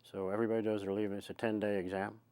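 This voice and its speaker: A man's voice: fairly low pitch, flat delivery, racing, dark tone, clear, resonant tone. An older man with an Irish accent, chatting in a rambling storyteller's way as he reminisces in an interview. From Ireland. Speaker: oral history interviewee. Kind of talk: conversational reminiscence.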